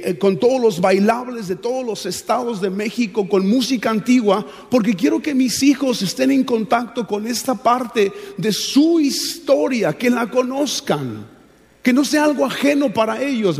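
Preaching in a reverberant large hall, a middle-aged man with a Mexican accent teaches his sermon emphatically, leaning on repetition and rhetorical questions. He is a pastor, and his voice is high with a darkish tone.

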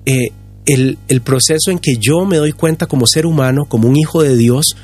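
Earnest husky pastor in his fifties. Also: medium pitch, a little mellow, soft background music. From Costa Rica. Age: 50s. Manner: earnest, halting with many restarts. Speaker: pastor and guest. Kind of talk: candid testimony on a podcast.

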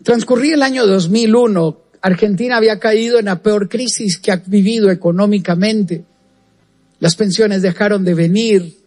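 Male presenter, high husky voice; earnest, animated testimony storytelling. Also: moderate pace. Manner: earnest, animated retelling with direct asides to the listener. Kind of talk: storytelling testimony on a radio program.

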